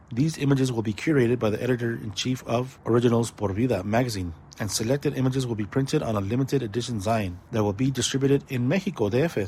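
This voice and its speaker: A man's voice: mid-range voice, darkish tone, a little hiss or hum. A man hosting a community events segment, reading out announcements, dates, phone numbers and web addresses. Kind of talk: read announcements.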